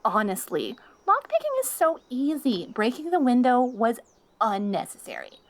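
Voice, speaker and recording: A woman's voice: a little high, very animated, normal speed. A woman playing a jealous, possessive catgirl in an audio role-play, smug and cutesy as she sweet-talks and bickers. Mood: jealous, boastful.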